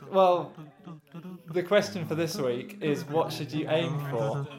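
A man co-hosting a podcast in casual chat, quick and joking with self-aware banter. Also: fairly high pitch, crowd noise. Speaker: podcast co-host.

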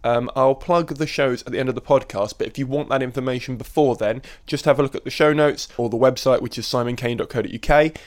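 A man's voice: mid-range voice, fast, hardly any pauses. Chatty young male podcast host. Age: 20s. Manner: chatty, laughs often, gets animated when defending himself. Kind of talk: casual podcast chat.

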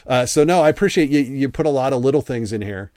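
A man's voice: medium pitch, lively intonation, fast, mellow, no echo, clean studio sound. A man with an American accent hosting an interview, chatty and rambling with frequent restarts. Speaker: podcast host. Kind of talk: casual interview chat.

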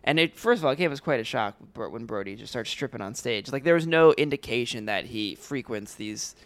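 A chatty, upbeat man co-hosts a casual movie podcast. His voice is smooth and clear at a middle pitch. He sits close to a dry mic. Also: lively intonation, brisk, no room sound. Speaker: podcast co-host.

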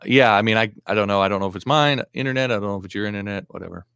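A man's voice: fairly low pitch, racing, gravelly, a bit bright, clean tone, no room sound, clean studio sound. A man hosting a casual live stream Q&A, reading viewer comments aloud and answering with blunt, practical advice, full of fillers and restarts.

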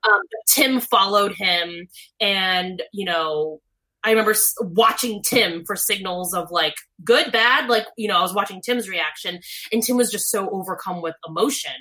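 A young woman with a bright, clear-edged voice tells a personal story in casual conversation. She is chatty and peppers her talk with "like," voicing her own past thoughts aloud. Her pitch sits in a middle range for a woman. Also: normal speed. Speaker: guest telling her birth story.

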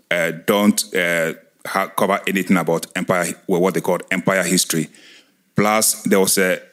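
Deep-voiced man, halting and long-winded. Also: fairly bright tone. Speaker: audience member asking a question. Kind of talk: spontaneous question from the floor.

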